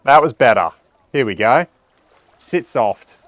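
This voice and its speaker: A man's voice: medium pitch, animated, unhurried, no echo. A man giving a casual hands-on review, chatting and reacting aloud as he plays. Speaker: product reviewer.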